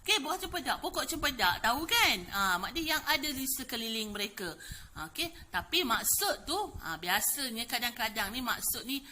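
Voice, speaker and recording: A woman's voice: on the high side, expressive, normal speed, pushed and bright, slight background noise. A Malaysian woman teacher with a Malay accent giving a lesson to young pupils, chatty and full of fillers like "okey" and "ha". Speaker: primary school teacher. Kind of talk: classroom lesson explaining poetry.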